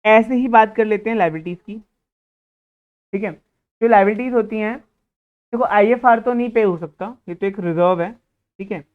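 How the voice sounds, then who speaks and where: A man lectures on accounting in a high-pitched, clean voice at a normal pace, leaving long pauses. He works through questions he answers himself and scolds a student, in a tinny, phone-like recording.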